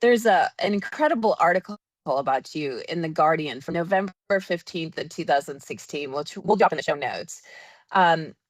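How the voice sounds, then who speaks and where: A woman hosts an interview podcast, opening with a polished introduction and moving into friendly questions. Her pitch moves a lot and her tone stays upbeat. The recording is dry, with almost no room sound. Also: animated, normal speed, no room sound. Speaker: podcast host.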